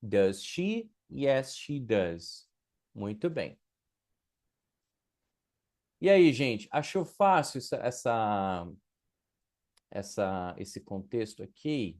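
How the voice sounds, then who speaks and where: A man's voice: fairly low pitch, lively intonation, slow pace, long pauses, darkish tone. A man teaching English to beginners in an online class, patiently spelling out example sentences. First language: Portuguese.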